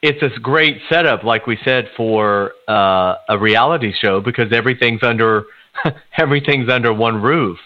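A man's voice: medium pitch, moderate pace, no echo. Man on a clipped, choppy phone line. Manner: apologetic, repeating himself over the bad line. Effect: choppy, clipped remote phone connection. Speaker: radio show host. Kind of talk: casual interview chat. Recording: dull lo-fi remote line on radio.

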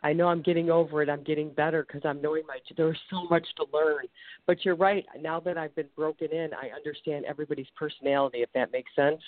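A woman's voice: deep voice, steady tone, fast talker, no room sound. A chatty woman from Ohio calling in to a radio show over the phone, rambling a little and laughing easily. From Ohio, USA. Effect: caller heard over a phone line. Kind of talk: casual call-in question. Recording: tinny phone line, dry.

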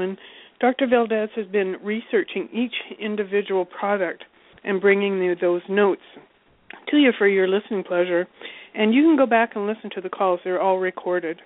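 A woman's voice: medium pitch, no echo. A woman hosting a call-in radio show, steadily reading through her introduction of the guest. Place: Alberta. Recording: dry tinny phone line.

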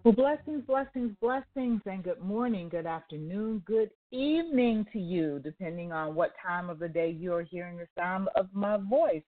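A woman's voice: mid-range voice, animated, normal speed, hardly any pauses, faint music behind. Older woman hosting faith talk by phone. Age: 60s. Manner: effusive, repeats phrases for emphasis. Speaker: talk show host and church elder. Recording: tinny phone line.

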